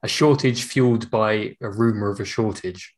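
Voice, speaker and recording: A man's voice: lowish voice, normal speed. A British man chatting casually as a podcast co-host. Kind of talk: casual chat.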